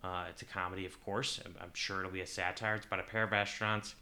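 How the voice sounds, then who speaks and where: Rambling bright-voiced podcast host man. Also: low-pitched, flat delivery, quick pace. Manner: rambling, self-correcting, thinks aloud. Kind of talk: casual solo podcast chat.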